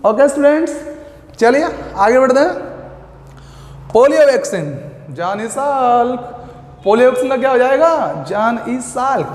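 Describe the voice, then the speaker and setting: High-voiced playful coaching teacher, echoey room. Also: male voice, darkish tone. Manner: playful, repeats key words slowly. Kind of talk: classroom lecture with memory tricks. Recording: echoey long-reverb room.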